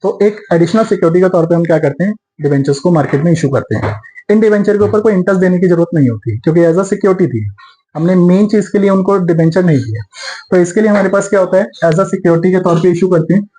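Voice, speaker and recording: Male accounts tutor, fairly high, warm tone, Indian accent, step-by-step lecture. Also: low-quality recording. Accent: Indian English terms mixed into Hindi. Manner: explains step by step, slows to dictate entries. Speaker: accountancy teacher. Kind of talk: classroom lecture.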